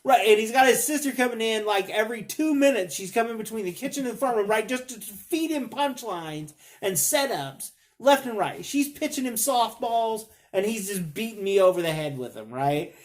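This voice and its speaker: A man who hosts a podcast tells a comic family story in casual chat. He is animated and profane, laughs mid-sentence, and acts out other people's lines. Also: sits high, moderate pace, hardly any pauses. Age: adult father. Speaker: podcast host.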